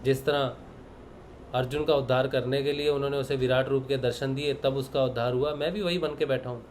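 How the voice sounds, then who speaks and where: A man's voice: medium pitch, steady tone, fairly quick, a little mellow. A man from Punjab with a mid-range voice gives a spiritual discourse to a meditation group. He talks in an earnest, reflective way and slips into acting out the dialogue of the stories he tells. There is a faint hum of background noise. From Punjab, India. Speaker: meditation session leader.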